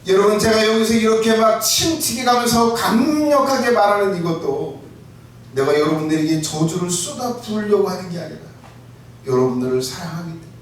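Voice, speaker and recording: A pastor preaching an impassioned sermon, often shouting for emphasis and acting out quoted words. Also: male voice, sits high, animated, fairly quick. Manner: acts out listeners' and Jesus' words in quotes. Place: church sanctuary. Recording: echoey church hall, mic far off.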